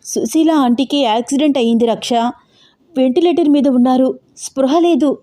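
A woman's voice: high voice, mellow, pitched above the performer's own voice, natural voice. A woman voicing a tearful, guilty young male friend confessing emotionally.

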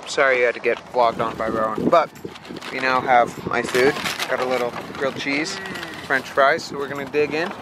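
A man's voice: mid-range voice, steady tone, normal speed, noisy background. A young man joking his way through a casual travel vlog outdoors, filmed on a handheld camera at arm's length. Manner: joking, playful narration to camera. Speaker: vlogger. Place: outdoors on forest trails and a harbor. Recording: music under the voice.

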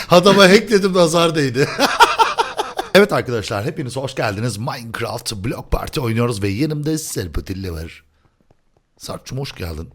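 A young man hosting a game stream, joking, laughing and shouting excitedly at the action. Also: mid-range voice, normal speed, pauses often. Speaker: host. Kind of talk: excited gaming commentary.

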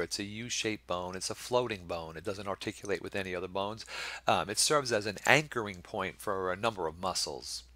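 Man, middle-aged, deep low voice, dry recording, patient slide lecture, anatomy instructor. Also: a bit bright, no echo. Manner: explains patiently, often checking with a questioning "right?".

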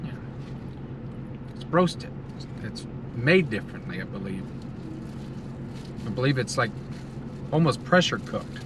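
In a car cabin with clear ambient noise, a middle-aged American man gives a relaxed, savoring food review to camera between bites. He speaks in a mid-range, sing-song voice at a measured pace, leaving long pauses.

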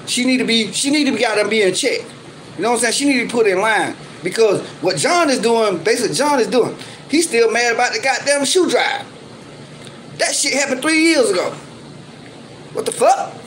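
High pitched dude going off on his channel, cussing nonstop, real heated. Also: animated, a little fast, a bit bright, a little hiss or hum, low-quality recording. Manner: heated, profane, repetitive scolding. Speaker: YouTube commentator. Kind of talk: angry ranting vlog.

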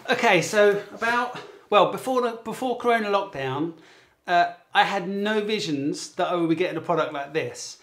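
This British-accented tech reviewer has a high, fairly bright voice and talks at a moderate pace. Unboxing at home, he rambles in a chatty way and often starts sentences over.

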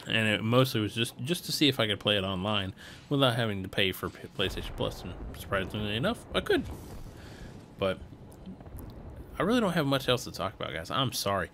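Tired, low-voiced young man rambling casually. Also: lively intonation, fairly quick, fairly bright tone, a little hiss or hum. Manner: rambling, easygoing, chuckles often. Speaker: gaming channel host and streamer. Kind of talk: casual voice-over gameplay commentary.

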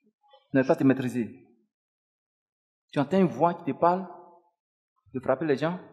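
Commanding pastor in an echoing hall. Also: male voice, medium pitch, moderate pace, a little mellow. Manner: commanding, repetitive chanting. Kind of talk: deliverance ministry. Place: church.

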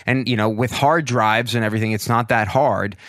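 A man hosting a podcast, casually telling a family story with many pauses and restarts. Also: mid-range voice, fairly even intonation, fairly bright tone, dry recording, clean studio sound. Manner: rambling, with many ums and restarts. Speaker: podcast host.

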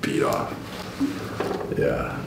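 A man's voice: drawn-out words, recorded from a distance. A young man hosting a casual drinking-game chat, joking and crude, laughing often. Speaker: host. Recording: echoey room with faint noise.

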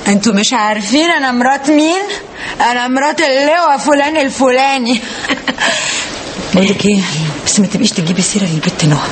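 A woman's voice: fairly low pitch, quick pace, pauses often, a little hiss or hum, natural voice. An actress playing a sarcastic, melodramatic young unmarried woman in an Egyptian TV comedy, speaking with an Egyptian accent. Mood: scheming. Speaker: comic lead. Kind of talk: TV comedy acting.

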